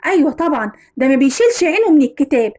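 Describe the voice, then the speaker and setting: A woman's voice: sits high, sing-song, racing, warm tone. A woman with an Egyptian accent voicing an indulgent wife and mother who coaxes her husband.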